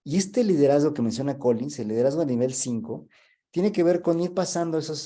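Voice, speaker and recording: A man speaks as a guest in a webinar on leadership. He explains at length and tells stories, and he pauses on the filler "este". His voice sits at an average pitch and has a warm, mellow tone. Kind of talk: webinar talk.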